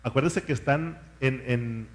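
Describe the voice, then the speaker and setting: A man's voice: mid-range voice, measured pace. A man, a pastor, preaching a sermon with fervent rhetorical questions and asking his congregation to repeat words after him.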